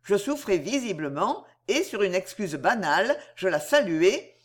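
A woman narrating a novel aloud in a measured, expressive reading. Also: medium pitch. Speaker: audiobook narrator.

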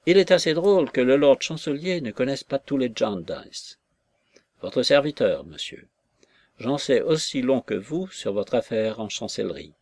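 A man's voice: mid-range voice, big pitch swings, moderate pace, a little mellow, dry recording. A man reading aloud and voicing a sly, cunning old junk dealer who cackles knowingly. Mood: mocking.

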